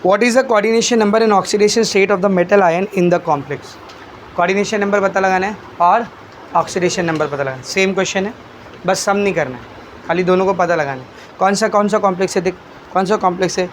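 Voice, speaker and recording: Guy teaching chem, kinda high voice, quizzes the class then answers himself, faint hiss behind. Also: moderate pace. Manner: quizzes students, answers his own questions; calls students beta, coaxing. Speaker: chemistry teacher. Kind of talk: classroom lecture.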